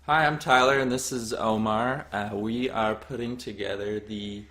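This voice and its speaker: A young man co-hosting a soccer coaching podcast, easygoing and quick to laugh. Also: fairly low pitch, steady tone, bright, forceful tone. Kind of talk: casual podcast chat.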